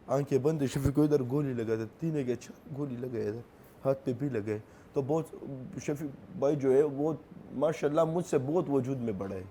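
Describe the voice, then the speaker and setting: A young grieving man with a Pashto accent, a native Pashto speaker, recounting events in an interview in halting, broken phrases that repeat themselves. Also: mid-range voice, mellow, slight background noise. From Khyber Pakhtunkhwa, Pakistan.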